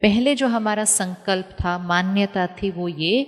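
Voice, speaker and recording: A woman giving a calm spiritual talk to an audience, teaching step by step with rhetorical questions and repetition. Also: mid-range voice, measured pace. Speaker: spiritual speaker. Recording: long hall reverb.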